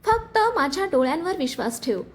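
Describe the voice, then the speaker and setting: A woman reading the lines of a calm, steady young husband in a spoken story. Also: sits high, a little fast, slight background noise. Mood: calm, firm. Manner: steady, reassuring.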